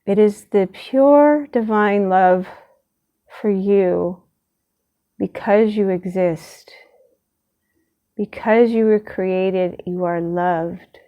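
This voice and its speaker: On a lo-fi recording, a woman leads a calm guided meditation at medium pitch, speaking short phrases slowly and letting long silences fall between them.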